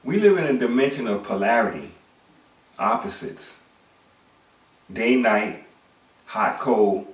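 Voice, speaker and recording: Recorded from a distance in a reverberant room, a middle-aged commentator lectures slowly and emphatically in his animated mid-range voice. He pauses often, poses rhetorical questions, and repeats words.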